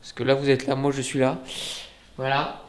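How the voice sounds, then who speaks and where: A man chatting casually as he films a tour of a holiday apartment, joking and filling pauses with hesitations. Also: mid-range voice, completely flat delivery. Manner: chatty, joking, many fillers. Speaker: vlogger. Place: indoors and on a balcony.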